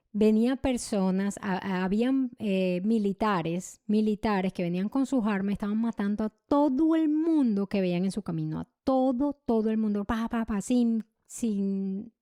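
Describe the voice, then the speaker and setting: A young adult woman hosting a podcast, telling a personal story in an emotional, halting way with many restarts and repeated words. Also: mid-range voice, mellow, no echo, clean studio sound. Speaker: podcast host.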